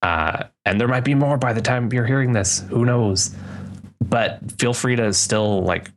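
A man's voice: medium pitch, a little slow. A young man co-hosting a podcast in casual, rambling chat, often restarting his sentences. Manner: rambling, self-correcting, loose. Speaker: podcast co-host.

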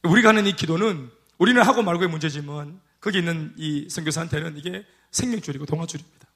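A man's voice: a little high, quick pace, fairly bright tone. A man preaching a sermon, calling out for amens and hallelujahs. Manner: call-and-response preaching, repeated amens and hallelujahs. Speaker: pastor. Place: church sanctuary.

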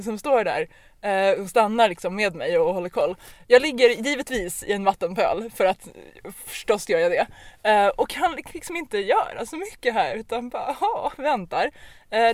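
A woman on a podcast telling a personal anecdote in a casual, lively way, with lots of fillers and restarts. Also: medium pitch, no room sound. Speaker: podcast host. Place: podcast recording.

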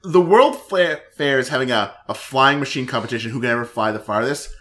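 Bright nitpicky man. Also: medium pitch, animated, brisk. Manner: nitpicky, fact-adding. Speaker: podcast co-host. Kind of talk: casual chat.

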